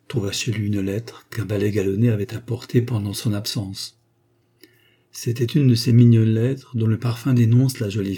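Man narrating an old novel, dark husky voice, steady and theatrical. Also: mid-range voice. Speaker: audiobook reader. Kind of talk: scripted narration of a classic novel.

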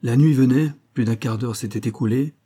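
A man narrating a classic novel as an audiobook, in a measured storytelling manner. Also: mid-range voice, dark tone, slightly rough. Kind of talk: scripted literary narration.

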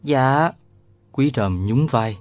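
Lively male storyteller reading a novel. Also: fairly low pitch, moderate pace, no echo, soft background music. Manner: lively storytelling, voices all the characters. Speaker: audiobook narrator. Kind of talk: scripted narration of a children's novel.

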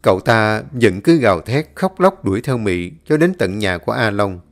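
A man reading a dramatic story aloud as a storyteller, in a measured, dramatic manner. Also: on the low side, sing-song, soft background music. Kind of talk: scripted story narration.

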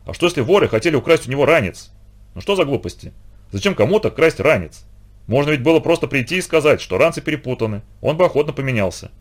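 A man narrating a children's audiobook in an expressive storytelling manner. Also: a little high, quick pace. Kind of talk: scripted narration.

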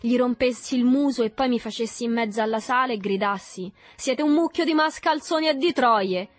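A woman voicing a rough, threatening poor teenage boy who mocks and challenges a rich boy, in a storybook reading. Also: mid-range voice, lively intonation, normal speed, voice pushed up. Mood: swaggering. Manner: loud, mocking, threatening.

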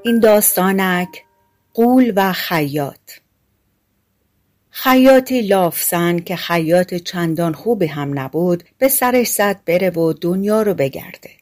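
Calm woman narrating a fairy tale. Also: on the low side, soft background music. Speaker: audiobook narrator.

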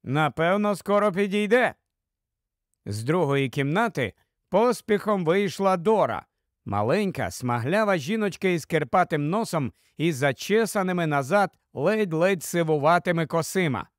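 A man reading a novel aloud as the narrator, in measured, steady storytelling. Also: a little high, no echo, studio quality. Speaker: audiobook narrator. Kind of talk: scripted narration.

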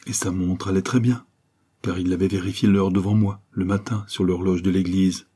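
A bitter, sickly young man played by the male reader who argues in a dry, harsh voice, fast and pointed. Husky and dark underneath. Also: low-pitched, fairly even intonation. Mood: arguing. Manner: sharp, arguing, quick.

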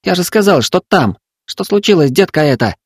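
A man's voice: high-pitched, big pitch swings, normal speed, husky, no room sound, studio quality, voice pushed up, full character voice. A man doing a scared, confused young boy. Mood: anxious. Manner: anxious, questioning.

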